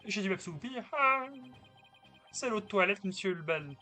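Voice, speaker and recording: A woman's voice: mid-range voice, animated, moderate pace, bright, forceful tone, faint music behind, voice pushed up. A woman voicing a sleepy, dim-witted male servant who whines and pleads. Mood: whiny. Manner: whining, pleading.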